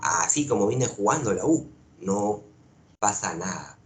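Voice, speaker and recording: A man's voice: on the low side, expressive, unhurried. A man teaching a language class, repeating each point and asking rhetorical questions. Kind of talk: lively classroom lecture. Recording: echoey room.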